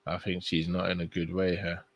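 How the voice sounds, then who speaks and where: A man's voice: sits low, completely flat delivery, normal speed, no echo. A man co-hosting a live fight watchalong, analysing the action and calling out tactical advice to the fighters. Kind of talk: casual live fight commentary.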